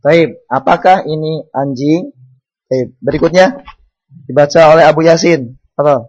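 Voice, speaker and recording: A man's voice: on the high side, a little slow, a little mellow, husky, lo-fi sound. A man teaching an Arabic class, calling on students to read and patiently repeating words and their meanings.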